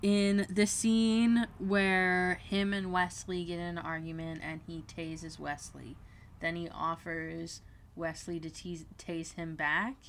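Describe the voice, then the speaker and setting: A woman's voice: fairly low pitch, flat delivery, takes it slowly, slight background noise. A woman hosting a casual fan podcast, chatty and laughing as she retells scenes. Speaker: podcast host.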